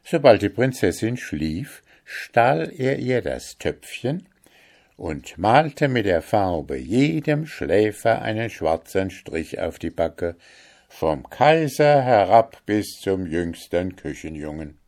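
Slow, low-voiced male storyteller. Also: very animated, a little mellow. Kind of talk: fairy tale reading.

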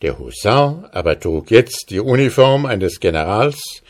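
Slow, calm male fairy-tale narrator. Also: on the low side. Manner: measured, calm, deliberate. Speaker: storyteller.

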